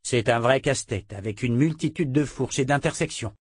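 A man reading an audiobook, voicing an excitable young male scholar who talks in eager bursts. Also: medium pitch, moderate pace, dry recording, studio quality, lightly acted. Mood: explaining. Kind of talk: audiobook character voice.

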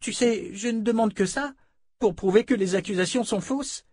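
Guy putting on a high, scared young thief voice, whiny and begging. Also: moderate pace, a little mellow, dry recording, studio quality. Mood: panicked pleading. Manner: pleading, panicky, near tears.

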